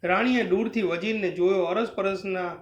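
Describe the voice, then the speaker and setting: A man narrates a devotional tale in a steady, earnest voice that sits fairly high. The recording is roomy, with a slightly dull, muffled tone. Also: moderate pace. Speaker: storyteller.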